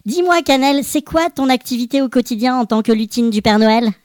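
A woman's voice: on the high side, brisk, darkish tone, no room sound, studio quality, natural voice. A woman playing a cheerful little male Christmas elf, hosting a children's podcast with playful exclamations. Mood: friendly, curious. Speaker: podcast host.

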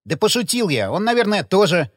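A cheeky young traveller, as a male narrator puts him on, teasing and laughing in a high, bouncy voice. The reading sounds close and dry. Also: brisk, dry recording. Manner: teasing, lively.

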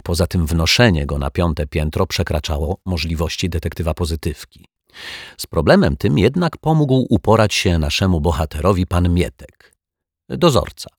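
Deep husky guy reading a kids story, very expressive, dry close mic. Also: moderate pace, no room sound. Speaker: audiobook narrator. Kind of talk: storybook narration for children.

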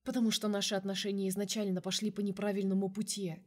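A woman voicing a tender, remorseful young man in an audiobook, speaking softly and earnestly. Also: medium pitch, level tone, quick pace, lightly acted. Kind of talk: audiobook character reading.

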